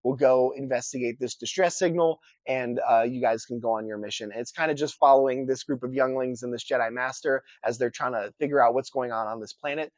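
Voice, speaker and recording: A man with a nasal, congested voice casually reviews books he's read in a vlog. He talks briskly with few pauses at a medium pitch, relaxed and chatty, heavy on fillers and restarts, and the recording is dry and lo-fi.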